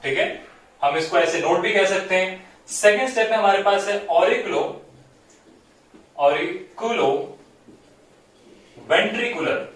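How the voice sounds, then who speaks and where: A man's voice: high-pitched, normal speed, fairly bright tone. A man teaching a biology class at a whiteboard. He explains step by step, keeps checking in with the class and mixes English terms into his talk. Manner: explanatory, repeats "theek hai" often, mixes English terms. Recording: very echoey room, distant mic.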